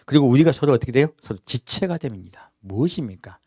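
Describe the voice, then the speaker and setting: Animated male pastor, lively sermon. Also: mid-range voice, quick pace, no echo, studio quality. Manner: conversational preaching with frequent rhetorical questions to the congregation; acts out everyday quotes in character voices. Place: church.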